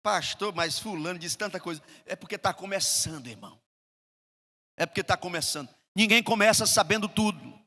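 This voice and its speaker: A middle-aged Brazilian man preaching a sermon as pastor, swinging between loud emphasis and soft asides. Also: high-pitched, normal speed. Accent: Brazilian Portuguese. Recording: reverberant hall.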